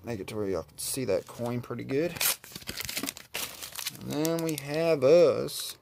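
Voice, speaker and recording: A man with a drawl talks slowly in a gravelly, creaky voice. He chats in an easygoing, relaxed way, admiring each card he pulls from a pack. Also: mid-range voice, background noise. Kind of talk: casual unboxing commentary.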